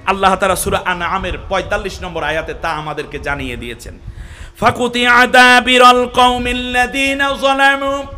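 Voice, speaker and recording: High, bright-voiced man preaching a sermon. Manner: chants Quranic verses slowly; rises to shouting at climaxes. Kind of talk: Bengali waz sermon.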